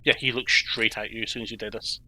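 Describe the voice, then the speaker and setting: Bright-voiced man running a tabletop game. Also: lowish voice, flat delivery, quick pace, dry recording. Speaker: game master. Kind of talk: unscripted tabletop game narration.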